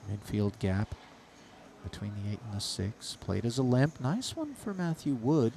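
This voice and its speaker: A man's voice: medium pitch, big pitch swings, unhurried, creaky, mellow, slight background noise. A man giving play-by-play poker commentary with wordy, ornate phrasing.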